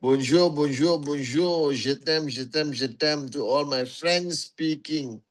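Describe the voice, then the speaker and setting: Man on a livestream, slightly high voice, unhurried, greets followers by name, repeats himself for emphasis. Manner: greets viewers one by one, calls them warriors; slow, emphatic, repeats phrases. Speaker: network marketing leader hosting a livestream. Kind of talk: casual livestream address to followers.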